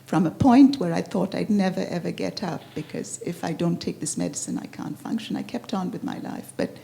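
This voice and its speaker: A woman with a gravelly, low voice shares a personal reflection at a retreat. She speaks earnestly and haltingly, and her tone is dark and mellow. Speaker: retreat participant sharing.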